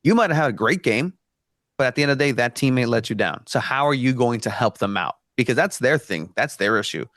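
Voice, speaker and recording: With lively intonation and a slightly bright voice of medium pitch, this Mexican podcast guest, a native Spanish speaker, talks a little fast in a casual discussion. He's earnest, restarting often and leaning on fillers. The recording is dry and clean, studio-grade.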